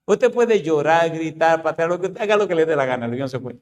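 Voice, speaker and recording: High-voiced man preaching with emphatic questions. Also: lively intonation. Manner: emphatic, repeated rhetorical questions to the congregation; swings between loud high outbursts and slow low statements. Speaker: pastor. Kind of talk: preaching a sermon.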